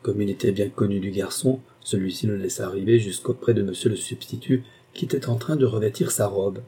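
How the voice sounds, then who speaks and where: A man reads a classic novel aloud in a steady, even manner. His voice is low and very dark in tone. It carries a husky, slightly breathy grain. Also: a little fast. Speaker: audiobook narrator. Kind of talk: scripted narration.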